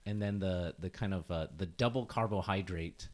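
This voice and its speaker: A man hosting a casual podcast chat in a low voice. He hedges and restarts often, fills his sentences with fillers and laughs easily. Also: normal speed, a little mellow. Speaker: podcast host. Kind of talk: casual conversational interview.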